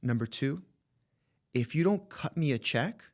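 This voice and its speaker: A young man with a slight lisp speaks in a mid-range voice, lively and blunt, swearing freely as he tells his story. He slips into quick voices when quoting people. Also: mid-range voice. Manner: animated, profane, quick to act out quotes. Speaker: podcast guest, agency co-founder. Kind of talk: casual interview talk.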